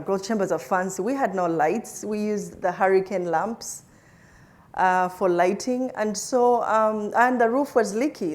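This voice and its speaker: A plant scientist from Uganda, speaking in a medium-pitched voice, tells her life story as an interview guest. She laughs often and restarts many times.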